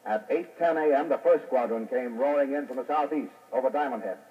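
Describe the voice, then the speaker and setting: An actor playing an urgent male wire reporter who dictates news over the phone in brisk, clipped bursts, in 1940s radio acting on an old newsreel-style broadcast. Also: medium pitch, recorded from a distance, muffled recording. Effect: old newsreel-style radio broadcast sound.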